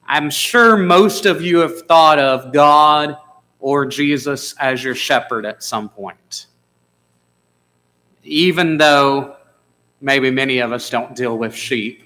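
Bright-voiced man preaching a sermon. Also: mid-range voice, slow pace, poor audio. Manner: conversational, asks the congregation questions. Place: church sanctuary.

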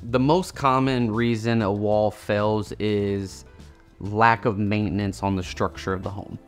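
A man in his thirties with a Midwestern American accent, a foundation repair expert explaining things in a plain-spoken interview in an office. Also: fairly low pitch. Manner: plain-spoken, repeats words when restarting. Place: indoor office with whiteboard.

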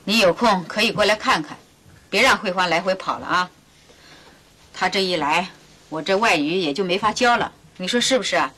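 An actress playing a proud, educated elder sister who speaks firmly and lectures. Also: female voice, mid-range voice, moderate pace, bright, forceful tone. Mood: stern lecturing. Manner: firm, lecturing, decisive. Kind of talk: 1990s TV drama acting.

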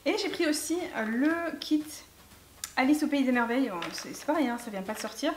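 A woman's voice: sits high, lively intonation, a little fast, slight background noise. Chatty woman. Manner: chatty, enthusiastic, frequent fillers. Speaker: beauty vlogger. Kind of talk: casual makeup haul chat. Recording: echoey room with faint music.

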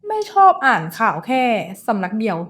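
Fast-talking young woman chatting. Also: on the high side, big pitch swings, a bit bright. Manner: quick chatty talk full of fillers. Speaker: news writer on a podcast team. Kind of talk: casual podcast chat.

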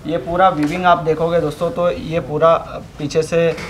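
A young man with a voice pitched slightly high explains saree fabrics and work. He talks in a steady sales pitch, pausing on fillers. The sound carries the echo of a shop room over a faint hum of background noise. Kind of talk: product demonstration. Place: fabric showroom, indoors.

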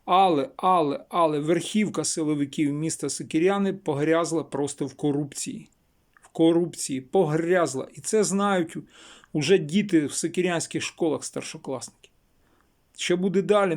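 A man's voice: a little high, normal speed. A man from western Ukraine speaking as a local video blogger, insistent and repeating his key points for emphasis. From Chernivtsi region, Ukraine. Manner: insistent, repeats and stresses phrases. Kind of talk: emphatic local news vlog.

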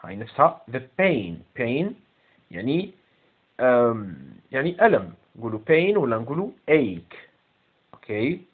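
Slow, husky Algerian teacher explaining English. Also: male voice, mid-range voice, big pitch swings. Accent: Algerian Arabic. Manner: slow, repeats English words and explains each in Arabic. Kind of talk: exam correction lesson. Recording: tinny phone-like sound.

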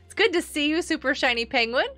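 Bright high-voiced woman on a headset mic. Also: quick pace, faint music behind. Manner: chatty, greets viewers by name, laughs often. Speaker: livestream host and homeschooling parent. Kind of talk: casual livestream chat while playing a game.

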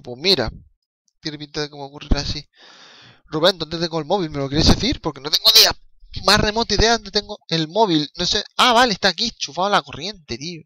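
A young man from the Canary Islands commentating his own football video game on a live stream, rambling and excitable with swearing and laughing asides. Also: a little high, no room sound.

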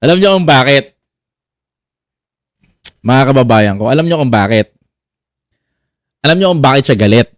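A man's voice: medium pitch, lively intonation, normal speed, long pauses, dry recording, studio quality. A man hosting a vlog, giving casual teasing commentary, laughing often and repeating himself. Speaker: vlogger host.

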